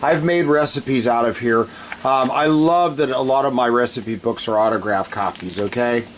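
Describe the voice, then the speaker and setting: Casual male home cook, mid-pitched, rambling recipe demo, constant hiss in the recording. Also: normal speed, low-quality recording. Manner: rambling, often breaks off to handle things. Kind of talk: casual cooking vlog chat. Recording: loud steady hiss behind voice. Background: loud hissing.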